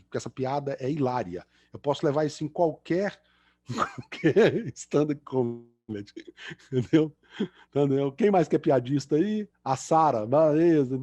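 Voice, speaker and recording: A man's voice: medium pitch, mellow, husky, dry recording. A middle-aged man from Belo Horizonte with a Mineiro Brazilian Portuguese accent, a guest engineer chatting and cracking jokes at the end of an online lecture over a video call. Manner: chatty, self-mocking joker with many fillers.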